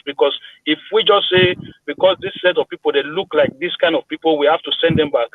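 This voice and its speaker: A man's voice: fairly high pitch, no room sound. A man, speaking over a group voice chat line, arguing his point earnestly with frequent restarts. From Nigeria. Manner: earnest, argumentative, many restarts. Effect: heard through a group voice chat line. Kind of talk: debating in a live group voice chat. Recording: tinny phone-like dry line.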